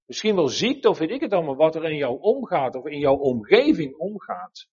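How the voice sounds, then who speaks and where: A man preaching a sermon in an earnest, animated way, often restarting his sentences. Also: a little high, fairly quick, slightly rough, highs cut off.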